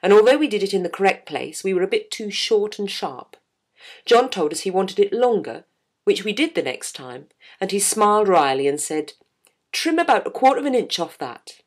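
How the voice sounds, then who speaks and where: A woman, a choir singer, reading a wry, measured account of rehearsals for a concert. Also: mid-range voice, animated. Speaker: choir singer telling a story. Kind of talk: scripted narration.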